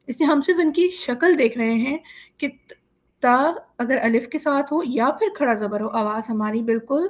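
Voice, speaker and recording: A woman with a slightly raised voice leads a Quran reading class, pronouncing each syllable slowly and clearly. She explains each rule patiently and step by step, as if speaking over a video call. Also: on the high side. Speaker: Quran teacher. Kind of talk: slow syllable-by-syllable drilling lesson.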